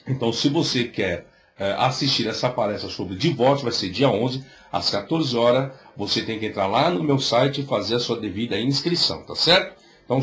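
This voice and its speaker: A middle-aged Brazilian man with a Brazilian Portuguese accent, teaching theology and promoting his next lecture. He piles up rhetorical questions and talks with his hands, seated in a small room in front of a green screen. The sound comes from a webcam at desk distance. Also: mid-range voice. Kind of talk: announcing an upcoming online lecture.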